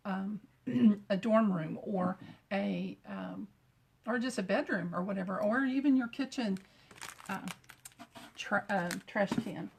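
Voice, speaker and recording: Slightly rough and medium in pitch, this middle-aged woman's voice carries a chatty live-stream craft demonstration. Hailing from Texas, USA, she greets her viewers as she works on the project with her hands.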